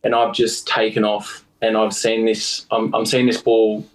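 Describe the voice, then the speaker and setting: A man's voice: lowish voice, completely flat delivery, unhurried, low-quality recording. A young Australian man, a rugby player guest, telling long stories in a loose, rambling way with plenty of fillers. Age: young adult. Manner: rambling, lots of fillers and laughs. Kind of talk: casual storytelling.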